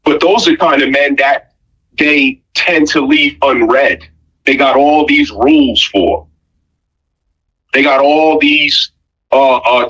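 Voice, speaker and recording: In a blunt, emphatic monologue full of profane slang, a man offers his opinions conversationally, leaning on rhetorical questions and pointed repetition. His mid-range voice has a fairly bright tone and a slightly rough edge. The recording sounds muffled.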